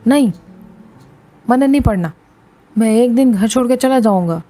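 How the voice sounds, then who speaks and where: A woman's voice: on the high side, animated, moderate pace, warm tone, natural voice. A woman voicing a stubborn, hot-tempered young village boy with a pleading manner. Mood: defiant. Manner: pleading, tearful and breathless at times.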